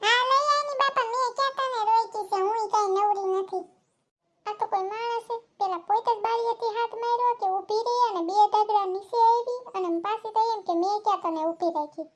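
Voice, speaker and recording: A woman's voice: very high voice, fairly quick. A woman voicing a curt, defensive neighbor woman in a cartoon, with a Kathiawadi Gujarati accent. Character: snappy, busy neighbor woman.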